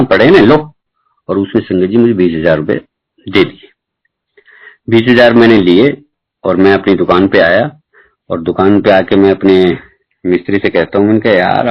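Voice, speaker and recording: Low-voiced man telling a devotional story. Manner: chatty, acts out both sides of conversations. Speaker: devotee sharing a testimony. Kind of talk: storytelling testimony at a satsang. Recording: dull lo-fi recording.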